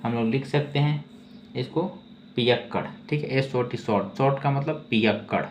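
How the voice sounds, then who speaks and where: This slow spelling and reading lesson features a man who goes through each English word letter by letter and then repeats it, frequently saying "okay" as he explains. He talks at a normal pace in a mid-range voice. The sound quality is dull and lo-fi, with faint ambient noise.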